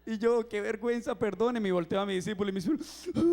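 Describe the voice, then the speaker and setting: A young man in his twenties, a youth pastor, preaching a sermon and telling funny stories, acting out his own reactions with lively energy. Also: high-pitched. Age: 20s. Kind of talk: sermon with humorous storytelling. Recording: reverberant hall.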